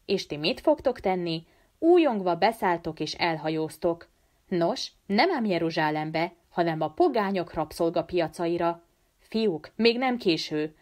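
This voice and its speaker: A woman's voice: on the low side, lively intonation, a little mellow, lightly acted. A woman voicing an earnest teenage boy who urgently pleads and warns, in an audiobook reading.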